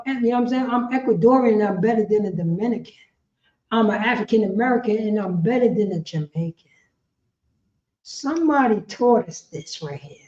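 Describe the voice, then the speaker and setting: A woman with a mellow, mid-range voice gives an impassioned religious lesson, stressing her points, repeating phrases, and asking rhetorical questions. The audio sounds dull and lo-fi, with an echoey room.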